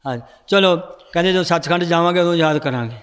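A male religious teacher explains verses and tells stories to his class. His voice is high and smooth, with a resonant clarity. A long reverb rings through the hall around him. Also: fast, a bit bright. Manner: explanatory, storytelling, corrects students' recitation. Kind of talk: scripture lesson with storytelling.

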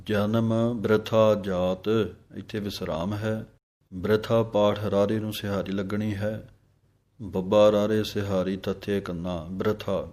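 A man teaching the correct pronunciation of sacred verses. He chants each line slowly, then explains it plainly. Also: lowish voice, level tone, a little mellow. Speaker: scripture recitation teacher.

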